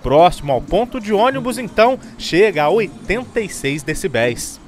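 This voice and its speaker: A man narrating a news report in a measured, informative way. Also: high voice, very animated, faint music behind.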